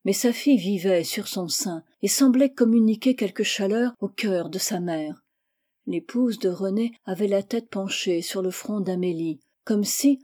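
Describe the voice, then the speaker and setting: A woman reading a classic novel aloud as an audiobook narrator, with measured, expressive literary delivery. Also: mid-range voice.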